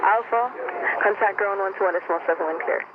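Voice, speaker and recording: A man with a high-pitched voice works as an air traffic controller, firing off quick, clipped instructions over the radio as heard through a headset. The lo-fi transmission is full of static hiss.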